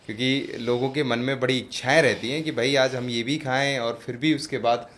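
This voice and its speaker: A man's voice: medium pitch, steady tone, normal speed, fairly bright tone. A man hosting an interview, politely asking questions and giving frequent short acknowledgments. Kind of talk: interview host.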